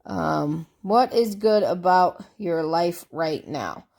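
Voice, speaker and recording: She speaks on the low side, slowly, with vocal fry and a slightly mellow quality. Stuffy from a cold, this vlogger rambles casually through tag questions, easygoing and full of fillers and asides.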